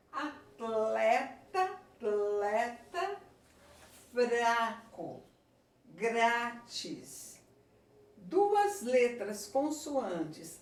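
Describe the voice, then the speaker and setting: A woman teacher with a Brazilian Portuguese accent, giving a slow, deliberate lesson at a board and often checking in with her class. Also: fairly high pitch. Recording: echoey room from far off.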